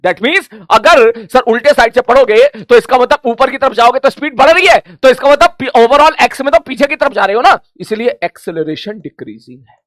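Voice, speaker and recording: A man's voice: very high voice, animated, a bit bright, no room sound, studio quality. A man teaching a physics coaching class, chatty and familiar, voicing his students' questions and answering them himself. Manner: addresses students familiarly as brother and child; counts aloud slowly to explain.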